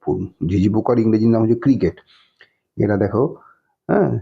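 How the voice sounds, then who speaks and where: A man's voice: lowish voice, fairly quick, gravelly, husky. A male teacher patiently explaining a primary school textbook, spelling words letter by letter and checking in after nearly every phrase. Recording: dull lo-fi recording.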